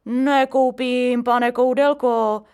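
A woman's voice: a little high, steady tone, darkish tone, smooth, pitched above the performer's own voice, lightly acted. A woman voicing a middle-aged male building caretaker in a storybook reading, drawling his friendly greetings. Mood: jovial.

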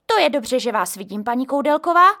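A woman's voice: high-pitched, lively intonation, bright, forceful tone, pitched above the performer's own voice, full character voice. A woman voicing a nosy, gossiping neighbor lady in a storybook reading, scolding and indignant.

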